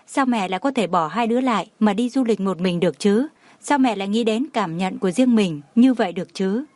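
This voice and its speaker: A woman voicing a tender, remorseful young mother who speaks in soft, apologetic tones. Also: mid-range voice, a little fast, no room sound, close to an everyday voice.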